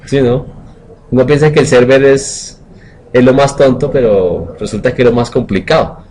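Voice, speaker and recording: A man's voice: mid-range voice, normal speed, darkish tone, breathy edge, low-quality recording. A man teaching programming in a live coding lecture, joking, colloquial and asking the class questions.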